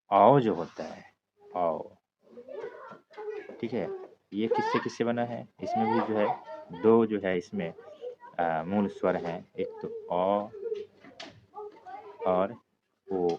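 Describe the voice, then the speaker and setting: A man's voice: lowish voice, slow pace, pauses often. A male teacher giving a step-by-step grammar lesson for exam students, often checking in with "okay?" as he goes. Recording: dull lo-fi sound with clear background noise.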